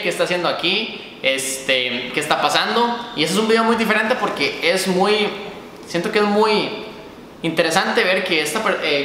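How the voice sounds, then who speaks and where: Young man, host, casual interview, bright tone, roomy reverb, faint noise. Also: high-pitched. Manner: chatty, animated with hand gestures. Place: bright room, seated on a leather couch. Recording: echoey room with reverb and noise.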